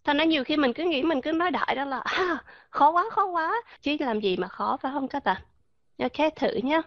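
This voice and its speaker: A woman runs a pronunciation lesson in a fairly high voice, modelling each vowel and putting questions to her listeners. The recording is dry and close, with a slightly dull, muffled sound. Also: fairly quick, no room sound. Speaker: English pronunciation teacher.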